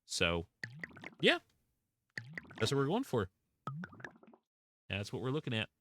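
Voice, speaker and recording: A man's voice: mid-range voice, wildly swooping pitch, slow, a little hiss or hum. A man chatting casually with his live-stream chat while playing a block-building game, greeting viewers and joking about himself. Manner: chatty, self-deprecating, greets chat warmly.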